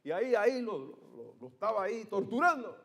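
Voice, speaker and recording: High-voiced man preaching a dramatic sermon. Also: sing-song, brisk, creaky. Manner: dramatic storytelling, acting out scenes with shouts and hushed asides; calls the congregation for amens. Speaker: pastor.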